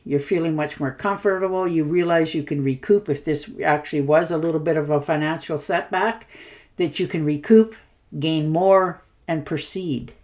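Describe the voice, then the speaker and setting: A woman's voice: low voice, moderate pace. A woman giving a casual tarot reading in a reassuring, chatty way, with many fillers. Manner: warm reassuring talk with fillers; hiccuping at times. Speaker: tarot reader.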